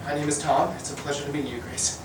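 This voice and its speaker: A man's voice: a little high, steady tone, quick pace, natural voice. An actor playing a brave, defiant young man tied up by a kidnapper, earnest in tone, on a live community stage. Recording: distant echoey hall recording, noisy.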